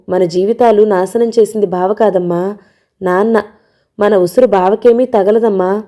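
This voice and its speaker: A woman performs a sick young woman in a storybook reading, her mellow dark voice soft, slow and resigned. She pleads gently, worn down by illness. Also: mid-range voice, natural voice.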